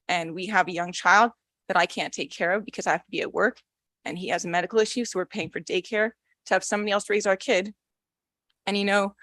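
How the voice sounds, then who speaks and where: A woman's voice: medium pitch, fairly bright tone, no echo. A young woman speaking at a public hearing, nervous yet blunt and frustrated. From Canada. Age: young adult. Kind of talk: public comment. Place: council chamber.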